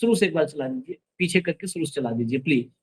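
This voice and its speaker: A man's voice: a little high, lively intonation, fast, a little mellow, rough recording. A man hosting an opinionated news commentary show, speaking in a sarcastic, emphatic way and directing the crew to roll clips.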